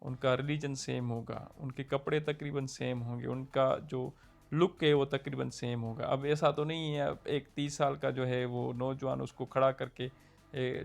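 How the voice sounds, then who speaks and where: A young man with a Pakistani Urdu accent teaches a point of law conversationally, his mid-range voice gravelly. As a lecturer, he regularly checks in with his audience by saying "theek hai."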